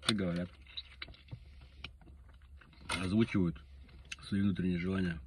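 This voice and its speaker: Low-voiced man talking with his mouth full. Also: fairly even intonation, fast talker. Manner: blunt, crude, musing while chewing. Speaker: food vlogger. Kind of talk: casual eating vlog, rambling aside. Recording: background noise.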